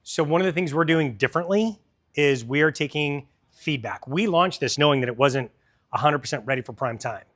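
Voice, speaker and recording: A man's voice: a little high, fairly quick, a bit bright. A man presenting a product in a store demo, talking casually and explaining technical details to a crowd.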